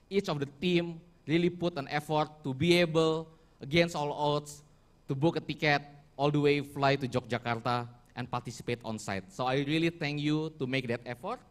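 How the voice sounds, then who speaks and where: A man delivers a formal thank-you speech at a ceremony. He speaks earnestly, in a slightly higher register, and stumbles and restarts often. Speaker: event organizer giving a speech.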